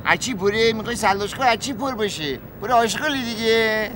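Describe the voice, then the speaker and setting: A boastful, cheeky junk peddler riding in a taxi, rambling on in a high, reedy voice. He talks in a teasing sitcom manner. Loud street and traffic noise runs behind him. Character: chatty male junk-peddling passenger, cheeky. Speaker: taxi passenger. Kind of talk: comic puppet-show acting.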